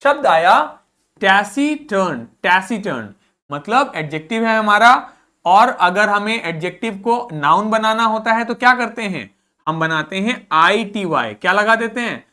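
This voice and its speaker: A woman's voice: mid-range voice, expressive, measured pace, sharp tone. A woman with an Indian accent teaching an English vocabulary lesson, repeating each word to drill its pronunciation and asking questions that she answers herself. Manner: asks students questions and answers them herself.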